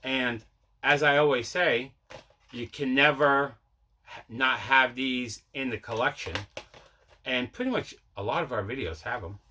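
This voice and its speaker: Slight background noise sits behind a man whose mid-range voice sounds pushed and bright, though he speaks without hurry. As host of a collecting channel, he rambles through a casual unboxing, correcting himself as he talks.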